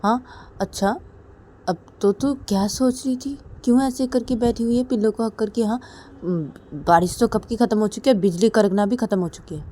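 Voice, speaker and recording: Woman playing a high, teasing older sister who protests loudly and pleads, for a spoken storybook. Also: moderate pace, slight background noise, close to an everyday voice.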